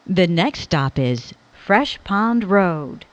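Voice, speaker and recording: A woman delivers recorded transit announcements through a dull, lo-fi speaker. Her pace is very slow and her pitch fairly low yet varied, with stilted phrases that sound spliced together from separate words. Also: big pitch swings, dry recording. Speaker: train announcer.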